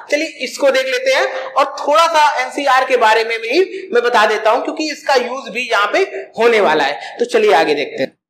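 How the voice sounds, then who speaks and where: A man's voice: very high voice, pushed and bright, roomy sound, a little hiss or hum, rough recording. A man teaching a math lesson, explaining step by step and asking and answering his own questions.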